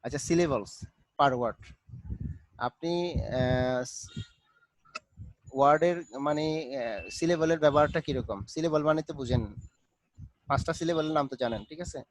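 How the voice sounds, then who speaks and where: A man's voice: on the high side, normal speed, pauses often, dry recording, low-quality recording. A man tutoring students in a live online class, patiently walking them through steps and mixing in English terms. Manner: patient, repeats instructions, mixes English terms into speech.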